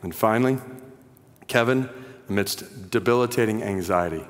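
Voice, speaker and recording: A man preaching a sermon as a pastor, earnest, his voice dropping low and quiet at the ends of phrases and rising when he appeals to listeners. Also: normal speed. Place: church sanctuary. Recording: long reverb of a large hall.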